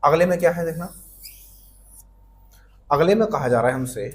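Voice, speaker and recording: A man's voice: a little high, normal speed. A man teaching an online exam-prep lesson in a playful way, asking questions and answering them himself. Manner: playful, asks and answers his own questions. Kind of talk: online lesson with memory tricks.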